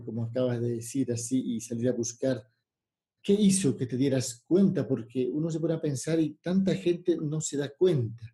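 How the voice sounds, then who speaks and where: A man hosting an interview, asking measured questions and rephrasing them several ways. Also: medium pitch, mellow. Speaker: interviewer host.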